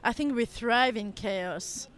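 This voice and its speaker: A woman gives a street interview outdoors in a city, her voice smooth and clear. She speaks thoughtfully in a fairly high register and sometimes pauses to find the right words.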